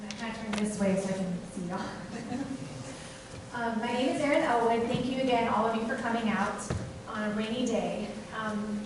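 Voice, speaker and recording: A woman's voice: on the high side, normal speed. Woman, campaign speech, distant mic, noisy background hiss. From Tennessee, US. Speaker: city council candidate. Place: meeting room. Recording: echoey room from far off, noisy.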